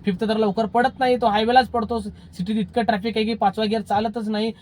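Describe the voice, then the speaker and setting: A man talks straight to his viewers as a driving instructor, his voice sitting high for a man. He speaks earnestly and keeps circling back to the same pleading advice in a casual, conversational way. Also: flat delivery, brisk, darkish tone.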